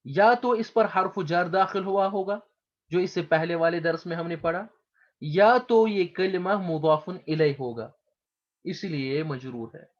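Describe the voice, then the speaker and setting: A man teaching Arabic grammar in a slow explanatory lecture, patiently repeating each term for his students. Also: high-pitched. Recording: dull lo-fi recording.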